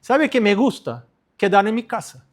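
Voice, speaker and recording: A middle-aged pastor preaching a sermon to other pastors, earnest and repetitive, stressing short phrases. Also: male voice, high voice, big pitch swings, normal speed.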